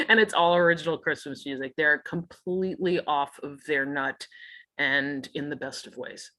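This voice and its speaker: A woman's voice: deep voice, a little slow, sharp tone. A middle-aged woman musician chatting as a guest in an interview, talkative and laughing often between phrases. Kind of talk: casual interview chat.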